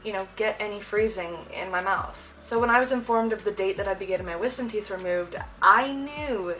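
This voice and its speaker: A young woman tells a personal story in a casual, slangy and animated way, as a video host would to her viewers. Her voice sits at an ordinary pitch for a woman. She is a little distant from the mic, with music playing underneath. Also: fast.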